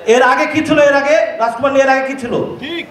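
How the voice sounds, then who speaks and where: A man's voice: very high-pitched, steady tone, fairly quick, fairly bright tone. Fiery man ranting in an echoey hall. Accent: Bangladeshi Bengali. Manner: combative, jeering, repetitive rhetorical questions. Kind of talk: heated press-event speech. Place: event hall with crowd and reporters.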